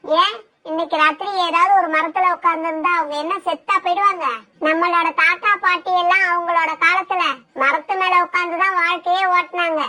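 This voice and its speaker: A scheming, vain female sparrow from a cartoon, voiced by a woman, cold and bossy in every word. Her voice sits very high and sounds bright and sharp. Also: fairly even intonation, a little fast. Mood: haughty. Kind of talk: cartoon voice acting.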